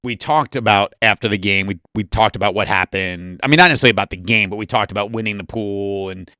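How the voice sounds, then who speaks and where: A man co-hosting a casual podcast chat, talking loudly and excitably. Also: lowish voice, fast, dry recording, clean studio sound. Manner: loud, excitable, lively delivery. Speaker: podcast co-host. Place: small room, podcast recording.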